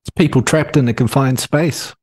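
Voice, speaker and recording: A man's voice: medium pitch, moderate pace, darkish tone, husky, no echo. A man hosting a casual film review podcast, teasing his co-host with dry swearing and reading reviews aloud. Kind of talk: casual banter.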